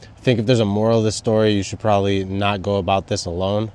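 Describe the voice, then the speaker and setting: Low-voiced man vlogging, laid-back and slangy. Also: little pitch movement, fast, darkish tone, clean tone. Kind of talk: casual vlog storytelling with tips. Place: outdoors in wind.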